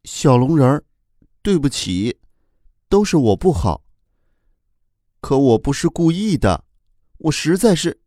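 A man's voice: mid-range voice, big pitch swings, normal speed, a little mellow, no room sound, clean studio sound, pitched above the performer's own voice. A man voicing a tearful young male bat spirit in a children's audio story, pleading and apologetic.

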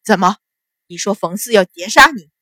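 A woman voicing a stern middle-aged nobleman and father who questions his family gruffly. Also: medium pitch, animated, normal speed, dry recording, clean studio sound, lightly acted.

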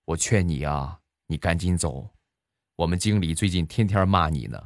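A man voicing a cautious male office receptionist who confides gossip in a hushed, conspiratorial way. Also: sits low, normal speed, no room sound, clean studio sound. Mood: confiding.

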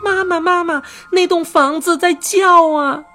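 A woman voicing a frightened, whiny young girl in a storybook reading, with a high pleading tone. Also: fairly even intonation, measured pace, over music. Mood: scared. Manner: pleading, high childlike whine.

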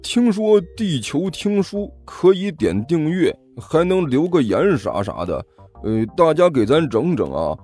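A man, narrating a comic audiobook in a lively storytelling manner. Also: on the high side, slightly rough, faint music behind. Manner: lively storytelling, slow delivery.

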